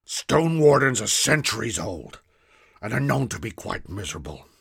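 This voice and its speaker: A man voicing a centuries-old male companion who speaks lively, polite and a little grand. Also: fairly low pitch, normal speed, gravelly, crowd noise. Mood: reassuring. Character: very old man who looks young, cheerful and reassuring.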